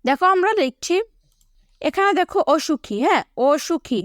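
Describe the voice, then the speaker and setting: A woman teacher explaining a lesson to schoolchildren, repeating each word slowly and asking her students whether they understood. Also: sits high, lively intonation, no echo, clean studio sound. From Bangladesh.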